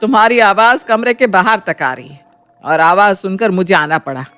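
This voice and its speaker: A woman's voice: mid-range voice, moderate pace, a bit bright, clear, resonant tone, soft background music, natural voice. Woman voicing a kind mother-in-law. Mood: scolding. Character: kind-hearted middle-aged mother-in-law. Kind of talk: cartoon voice acting.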